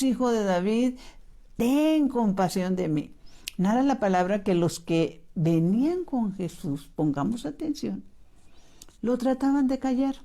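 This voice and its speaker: A woman's voice: mid-range voice, dark tone. A woman preacher giving a spoken Bible reflection, often checking in with "¿sí?" and acting out the cries in the story. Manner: frequent "¿sí?" checks, restarts, acts out cries.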